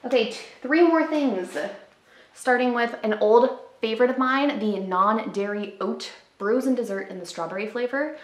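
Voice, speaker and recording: In her living room, an upbeat twenty-something lifestyle vlogger casually displays groceries for the camera, dropping "like" constantly. Her voice is somewhat high, at a moderate pace, with reverb.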